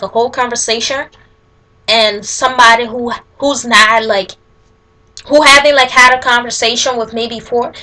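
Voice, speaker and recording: Bright-voiced Liberian woman, unhurried casual chat. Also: a little high, rough recording. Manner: informal, halting, with self-corrections mid-sentence. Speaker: vlogger answering accent tag questions. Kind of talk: casual chat, answering questions aloud.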